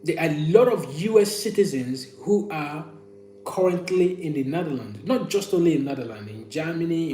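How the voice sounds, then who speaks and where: A man's voice: fairly high pitch, mellow. Man livestreaming casually in an echoey room. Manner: repeats and restates phrases for emphasis. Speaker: livestream host. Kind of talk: casual live chat, sharing personal stories and opinions. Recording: echoey room with faint hum.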